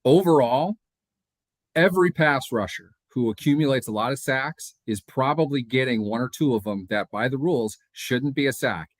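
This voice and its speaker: A man's voice: mid-range voice, lively intonation, normal speed, dry recording. A man in his thirties co-hosting a sports podcast over a video call, ranting in an assertive, insistent way. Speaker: podcast co-host. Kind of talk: casual sports podcast chat. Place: home room.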